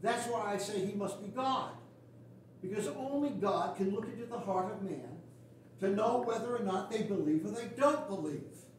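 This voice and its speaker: A high-sitting male voice moves at a moderate pace over slight background noise. He's an older pastor, blunt and folksy with a sarcastic streak, preaching in a small wooden church, heard echoey and far off through a camera at the rear of the pews.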